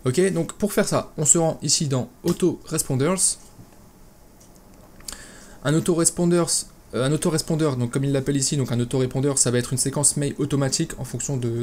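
A man calmly talking through a software tutorial step by step, with lots of fillers and restarts. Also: mid-range voice, slight background noise. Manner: relaxed, explains step by step with many fillers and restarts. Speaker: e-commerce tutorial host. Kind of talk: casual screen-recorded software tutorial.

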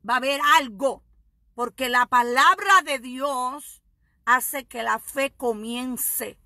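A woman evangelist preaching a sermon, fervent and swinging between shouted exhortation and quiet asides. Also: high-pitched, no room sound.

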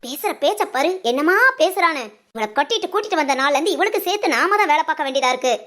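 A woman voicing a bossy, sharp-tongued village mother-in-law in a cartoon, scolding with curt retorts. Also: high-pitched, animated, fast. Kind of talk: cartoon voice acting.

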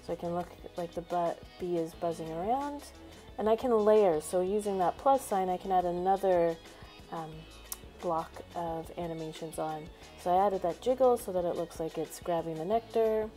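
A woman's voice: on the low side, moderate pace, warm tone, faint music behind. A woman teacher narrating a screencast tutorial, explaining each step in an upbeat way. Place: voice-over over a screen recording.

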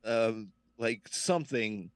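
Sarcastic, crude podcast co-host. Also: male voice, fairly low pitch, lively intonation, slow pace, no echo. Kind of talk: casual chat.

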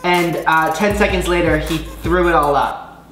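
A man's voice: on the high side, a little slow. A young man joining a friend's challenge video, joking and teasing as he reacts to each dare. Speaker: co-host friend. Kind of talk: casual challenge chat. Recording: roomy sound with music behind.

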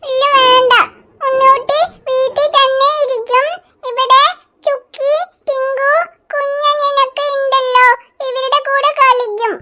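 A woman's voice: very high voice, little pitch movement, unhurried, pushed and bright, heavily acted. A woman doing a sulky little cartoon girl. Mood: tearful, stubborn. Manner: whiny, tearful pleading. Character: stubborn little girl refusing school. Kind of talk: cartoon voice acting.

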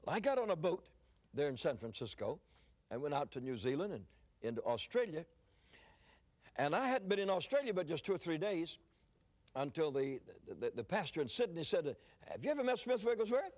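A man's voice: fairly high pitch, big pitch swings, normal speed, long pauses. An older man preaching, telling a story in a sermon, often repeating words as he starts a phrase.

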